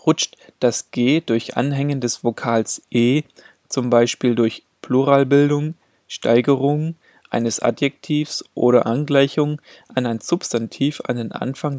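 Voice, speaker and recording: A man's voice: mid-range voice, a little mellow, no room sound. A man reading a scripted pronunciation lesson, enunciating rules and single example words with great care. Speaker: pronunciation teacher.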